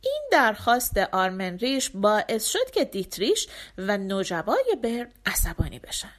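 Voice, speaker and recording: A woman's voice: medium pitch, huge pitch swings. A woman storyteller narrating a folk tale in a scripted, dramatic reading.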